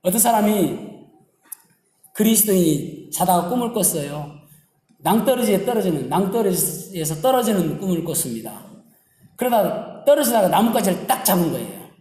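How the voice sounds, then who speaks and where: Animated male pastor preaching. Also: high voice, normal speed. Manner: animated preaching with stories and scripture. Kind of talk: Sunday sermon. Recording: echoey church hall.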